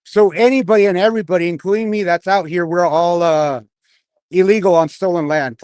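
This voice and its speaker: A man with a high-pitched, a little mellow voice talks briskly with fairly even intonation; the tone is clean, the recording dry with clean studio sound. He's an independent journalist and livestream host doing informal street commentary and casual interviews on a city street at night, his speech slurred by missing front teeth.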